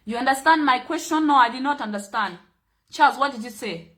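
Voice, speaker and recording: In a laid-back livestream, the young Ugandan host with her Ugandan accent keeps things playful, teasing viewers and laughing often. She talks a little fast, her voice high with a fairly bright tone.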